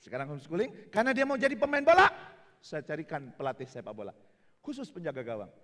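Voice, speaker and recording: A middle-aged man giving a motivational talk, telling animated stories and acting out the dialogue. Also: a little high, fast talker, long reverb tail. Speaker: motivational speaker.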